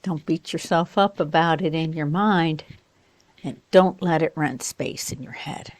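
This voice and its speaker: A woman teaching an online pronunciation lesson as an accent coach, in a slow, deliberate, encouraging way. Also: low-pitched, fairly even intonation, no room sound.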